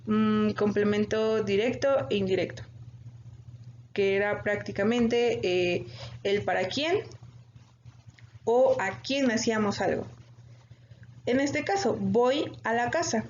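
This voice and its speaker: A woman's voice: medium pitch, takes it slowly, long pauses, darkish tone. A woman with a Mexican accent teaching an exam-prep lesson, explaining step by step with frequent fillers and self-corrections. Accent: Mexican Spanish. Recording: dull lo-fi audio with faint noise.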